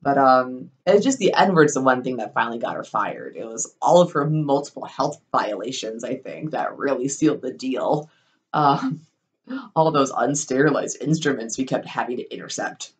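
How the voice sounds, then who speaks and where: A woman's voice: a bass voice, expressive, normal speed. A young woman in a casual storytelling vlog, rambling with lots of ums and likes, swearing freely and wryly. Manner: rambling, full of ums and likes, profane and wry.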